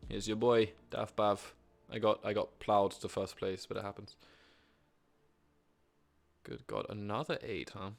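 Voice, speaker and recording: A young man streaming himself playing a board game online, talking to himself with excitable, swearing commentary. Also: fairly low pitch, a little slow, creaky, long pauses. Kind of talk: live gameplay commentary.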